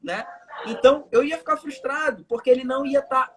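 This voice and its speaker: A young hypnotherapist with a Manaus Brazilian Portuguese accent talks briskly in an extremely high voice. As a guest on a casual live chat over video call, he makes his point by telling stories drawn from everyday life.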